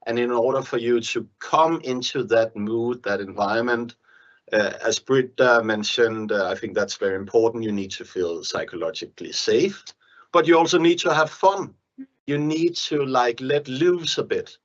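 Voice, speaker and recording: Male panelist, mid-pitched, conversational and unscripted, in slightly muffled webinar sound. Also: moderate pace. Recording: slightly dull, lo-fi webinar audio.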